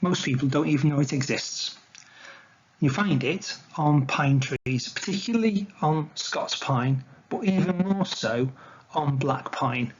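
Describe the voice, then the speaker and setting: A man's voice: fairly high pitch, unhurried, dull audio, slight background noise. A man giving an illustrated talk on wildlife to slides, in an informal, conversational way. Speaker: wildlife educator presenting a talk.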